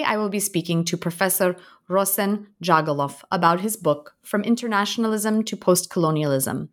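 Lady hosting a history book podcast, lowish voice, formal and measured. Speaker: podcast host. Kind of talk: academic interview.

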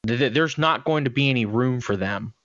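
A man's voice: medium pitch, fairly quick, a bit bright, no echo, dull audio. A man in his thirties co-hosting a sports podcast, giving blunt, opinionated takes in casual talk. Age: 30s. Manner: opinionated, blunt, restarts a lot. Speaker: podcast co-host.

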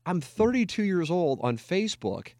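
He's a Missouri-born American radio talk show host in his forties, high-pitched yet dark in tone, very animated at a moderate pace. He speaks casually and candidly, rambling, self-deprecating and swearing a lot in reflective talk. The sound is clean studio audio with no room sound.

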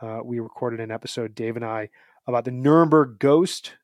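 A man's voice: medium pitch, fairly quick, no echo. A man in his thirties co-hosting a podcast, chatting in an upbeat, rambling, jokey way. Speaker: podcast co-host. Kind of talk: casual podcast chat.

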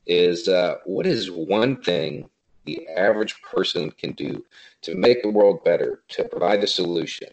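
A man hosting an interview show, asking his measured standard closing question to a guest. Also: sits low, vocal fry, darkish tone, rough recording. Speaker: podcast host.

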